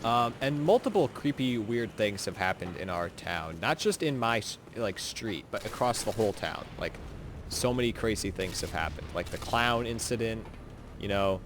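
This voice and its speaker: A man's voice: fairly low pitch, expressive, normal speed, noisy background. A young man chatting casually while gaming, rambling through a story with lots of filler words. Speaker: co-host telling scary stories.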